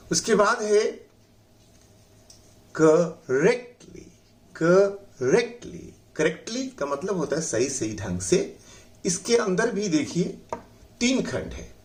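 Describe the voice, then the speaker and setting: A middle-aged man with a Bihari accent teaching an English pronunciation lesson, saying words slowly syllable by syllable, repeating them, and often adding "है ना". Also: a little high. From India. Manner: uses the filler "है ना".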